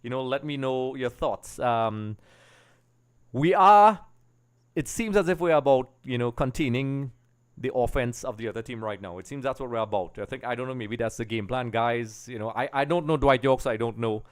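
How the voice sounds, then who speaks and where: At a moderate pace and with a clean, mid-range tone, a middle-aged man from Trinidad and Tobago chats casually with viewers. As a livestream host, he rambles through a football watch-along in his small home streaming room, using a desk microphone mounted on a boom arm.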